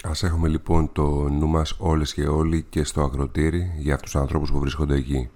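Very deep-voiced man reading news. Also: level tone, a little mellow. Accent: Greek. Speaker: community radio news reader.

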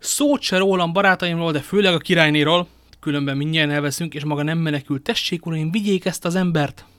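A man reading aloud, voicing a bold, quick-witted young guardsman who leads his friends with brisk, commanding speech. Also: on the high side, fairly even intonation, no echo, clean studio sound, close to an everyday voice. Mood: mock indignant.

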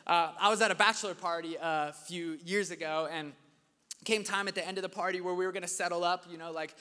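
A young man delivers a sermon in a relaxed, storytelling manner. His voice sits high and sounds bright and forceful. The long reverb of a church hall trails after each phrase. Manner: conversational, animated storytelling preacher. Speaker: pastor. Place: church hall with live audience.

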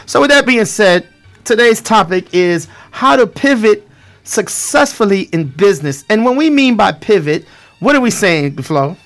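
A man's voice: sits high, lively intonation, moderate pace, fairly bright tone, soft background music. A man from Brooklyn with a Brooklyn accent, hosting a casual live show in a hype manner, repeating phrases for emphasis. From Brooklyn, New York. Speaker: radio show host.

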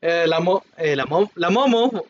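A man's voice: a little high, expressive, unhurried, lo-fi sound, slight background noise. A young man with a Mexican Spanish accent, chatting casually and cracking wry, slangy jokes. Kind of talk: casual chat.

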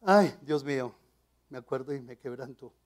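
A man's voice: medium pitch, moderate pace. A man, a pastor telling a personal testimony to his congregation, often asking them to agree. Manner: storytelling with rhetorical questions to the audience. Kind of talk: sermon testimony.

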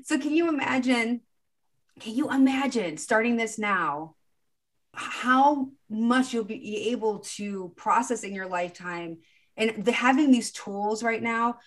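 A woman's voice: on the high side, unhurried. A woman in her forties hosting a podcast, talking casually and encouragingly about a spiritual approach to life. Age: 40s. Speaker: podcast host. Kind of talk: casual spiritual coaching talk.

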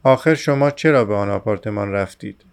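A man's voice: on the low side, smooth, lightly acted. Irritated male house porter, stern questions, voiced by a male narrator.

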